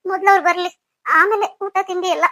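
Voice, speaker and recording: Woman doing a tearful pregnant young wife, high voice, fast, bright, dry sound. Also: fairly even intonation, no room sound, exaggerated voice. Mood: worried, tearful. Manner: tearful and pleading. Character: anxious pregnant young wife waiting for her husband. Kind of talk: cartoon story voice acting.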